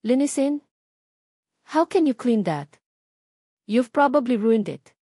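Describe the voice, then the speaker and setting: Woman doing a snobbish rich lady, condescending, cutting, rising scolding voice, mid-pitched, dry close sound. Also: expressive, a little slow, darkish tone, no room sound. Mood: scornful. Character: haughty rich woman, scornful mistress of the house.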